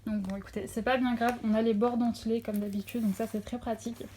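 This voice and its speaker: Young woman vlogger, slightly high and mellow voice, chatty with lots of fillers, filming on a phone at home. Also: fairly even intonation, fast, a little hiss or hum. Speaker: crafts vlogger. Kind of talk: casual unboxing chat. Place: at home near a window. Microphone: phone camera.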